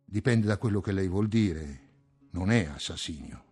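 A man reading an audiobook, voicing an anxious, touchy middle-aged man who flares into shrill outbursts. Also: expressive, unhurried, a little mellow, slightly rough, faint music behind, full character voice.

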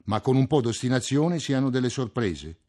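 A man reading an audiobook, voicing a serious, measured male doctor. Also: mid-range voice, animated, a little mellow, lightly acted.

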